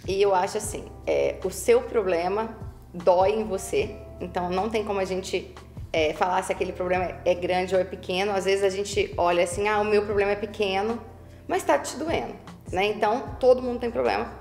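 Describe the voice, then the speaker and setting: A Brazilian woman in her forties with a Brazilian Portuguese accent, a guest telling her life story in a podcast interview, animated and emphatic, laughing often. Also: mid-range voice, a little fast. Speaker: guest, real estate broker. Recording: roomy sound with faint music.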